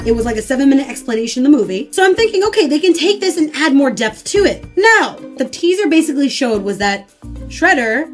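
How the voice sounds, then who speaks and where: A young woman vlogger delivers an animated reaction rant with a slightly high voice. Her tone stays sarcastic and exasperated throughout. Faint music plays behind her.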